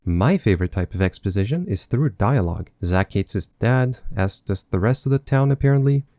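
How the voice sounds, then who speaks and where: A man's voice: fairly low pitch, mellow, dry recording, studio quality. A man recapping a film with sarcastic, mocking asides. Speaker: film reviewer. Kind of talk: sarcastic movie recap commentary.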